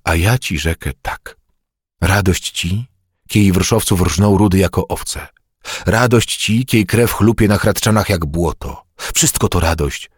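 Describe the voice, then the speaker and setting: A man doing a fiery, husky medieval monk. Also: low-pitched, a little slow, no room sound, studio quality. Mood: fervent. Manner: preaching, condemning, impassioned. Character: fervent, hot-tempered male medieval monk.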